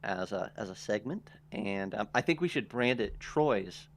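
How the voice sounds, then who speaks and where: A man hosting a casual tabletop gaming podcast, often pausing with ums and restarting his sentences. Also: lowish voice, animated, a little hiss or hum. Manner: hesitant, lots of ums and restarts. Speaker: podcast host.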